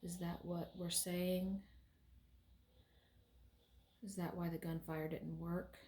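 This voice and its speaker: Lower-pitched young woman, wry, echoey room. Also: flat delivery, slow pace, dark tone. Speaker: session leader asking questions. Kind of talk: casual questioning and commentary. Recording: roomy, echoey sound.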